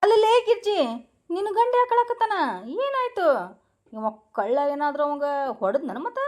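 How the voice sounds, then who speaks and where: A woman's voice: very high-pitched, sing-song, normal speed, a little mellow. A woman playing a nosy neighbour woman. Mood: curious. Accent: North Karnataka Kannada. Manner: prying, questioning.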